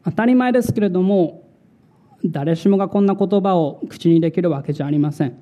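A male pastor preaching a sermon in a slow, dramatic way, repeating words for emphasis. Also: high-pitched, warm tone, lo-fi sound.

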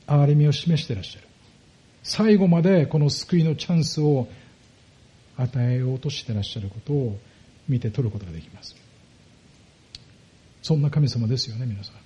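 Man preaching, dark mellow voice. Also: mid-range voice, highs cut off. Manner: explains step by step, asks the congregation rhetorical questions. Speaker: pastor. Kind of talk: sermon.

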